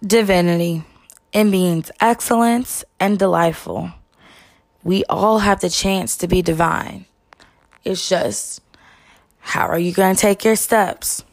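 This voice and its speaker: A woman's voice: lowish voice, takes it slowly. Young woman from Texas reciting poetry. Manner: rhythmic, expressive recital. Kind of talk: spoken-word poem recitation. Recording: soft music behind voice.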